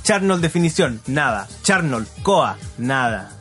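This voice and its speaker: A Chilean man with a Chilean Spanish accent, co-hosting a casual podcast chat as a slangy, animated storyteller. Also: mid-range voice, measured pace, faint music behind. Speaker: podcast co-host.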